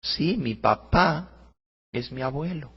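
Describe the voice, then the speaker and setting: A tearful young girl pleads through sobs, her voice pushed high and loud as a man puts her on. The sound is muffled and lo-fi. An ashamed, broken tone runs through every line. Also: expressive, slow, slightly rough, full character voice. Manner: sobbing, pleading, high strained voice. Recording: muffled lo-fi recording.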